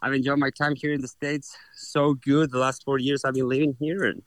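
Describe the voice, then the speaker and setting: Answering interview questions, a young adult man from Chile, a horse trainer, speaks earnestly in a Chilean Spanish accent and often starts his words over. His mid-range delivery is flat and brisk, and the recording is dry.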